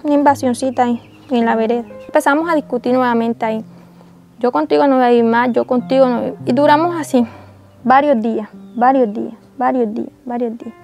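A young woman tells her own hard story in an interview as an emotional personal testimony, recounting dialogue and acting out the voices of the people involved. She speaks fast in a fairly high, steady voice with a darkish tone, over soft background music.

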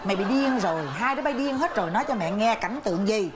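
An actress playing an excitable, scolding mother of grown daughters, in a family sitcom. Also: fairly high pitch, fast talker, crowd noise, lightly acted. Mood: exasperated. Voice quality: scolding, exclamatory, laughing through lines. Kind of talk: sitcom acting.

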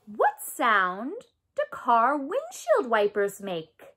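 A woman in her thirties leading a music lesson for young children, speaking in a broad, theatrical singsong with animated questions and encouraging call-and-response. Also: a little high, slow pace. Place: small home room, indoors. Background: acoustic guitar she plays.

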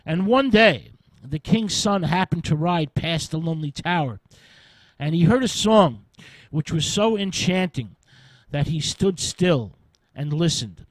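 A man telling a fairy tale on radio, slow and hesitant, leaning on little filler sounds. His voice sits a bit high for a man. The sound is dry and close, with no room around it. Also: expressive, no echo, rough recording. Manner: unhurried, hesitant with frequent fillers. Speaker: radio storyteller.

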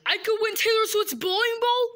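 A performer voicing an excitable, easily panicked little boy who talks to himself. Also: very high voice, moderate pace, voice pushed up. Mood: eager.

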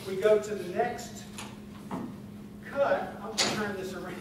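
A man runs a hands-on woodworking demonstration in a large conference room, lively and teasing, throwing questions at the crowd. His voice sits high and carries in a very echoey hall, picked up from far away. Heavy room noise hums underneath. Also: measured pace. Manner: lively, teasing, quizzes the audience. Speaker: woodworking instructor. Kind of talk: live workshop demonstration. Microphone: far camera.

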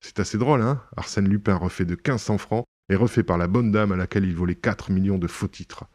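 A man reading an audiobook, voicing a proud, ironic young gentleman burglar who bursts into indignation and mockery. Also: lowish voice, a little fast, close to an everyday voice. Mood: wry amusement. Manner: indignant outbursts, mocking irony.

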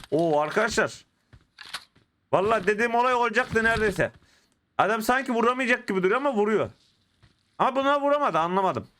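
A young man from Turkey reacts to his mobile game match in a high, excitable voice. He talks with a slight lisp from dental braces. Loud gunfire and game sounds run behind him. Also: fairly quick, long pauses, a little hiss or hum. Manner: excitable, exclaiming at the action. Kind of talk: casual gameplay commentary. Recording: gameplay audio and gunfire behind.

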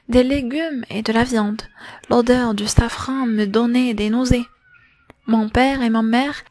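A woman with a high, light voice reads a novel aloud in an unhurried, even storytelling manner. The recording is close and dry, with no room sound. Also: dry recording. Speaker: audiobook narrator. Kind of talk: audiobook reading of a novel.

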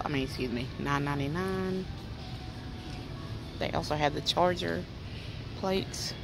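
A woman with a low, creaky voice vlogs on a handheld phone camera while walking through a large indoor retail store. Chatty and practical, she reads out sale prices in her haul narration as store ambience plays behind her.

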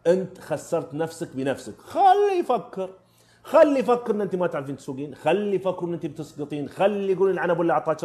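A man with an Omani Arabic accent talks quickly and with emphasis as he answers questions on a live stream. His voice sits a little high for a man, and he keeps repeating his main points to drive them home. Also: a little mellow. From Oman. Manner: emphatic, repeats key phrases. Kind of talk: casual live-stream advice talk.

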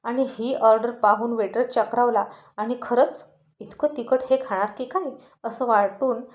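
Woman storyteller, lively, expressive narration, fairly high voice. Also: unhurried.

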